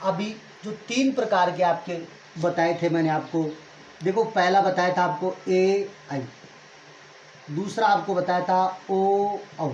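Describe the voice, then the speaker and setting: A man's voice: high voice, takes it slowly, a little mellow, highs cut off. A male teacher lectures at a board, putting questions to his class and answering them himself as he repeats each point. His voice rings in a roomy, echoing space over a faint hiss of background noise. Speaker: Sanskrit grammar teacher. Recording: echoey room with faint noise.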